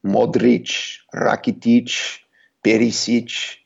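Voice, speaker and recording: A man's voice: medium pitch, level tone, very slow, vocal fry, husky, lo-fi sound. A man co-hosting a podcast, chatting casually about sport in a rambling, hesitant way, often laughing. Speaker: podcast co-host.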